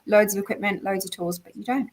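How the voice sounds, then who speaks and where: A woman's voice: mid-range voice, quick pace. A woman hosting a live online quiz, upbeat, reading out and greeting viewer comments while losing her voice. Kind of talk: casual live-stream chat.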